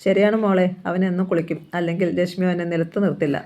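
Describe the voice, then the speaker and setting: A reader voicing a kindly old father in a novel reading, unhurried and gently grumbling. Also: mid-range voice, level tone, dull audio, natural voice. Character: kindly old father fond of his daughters.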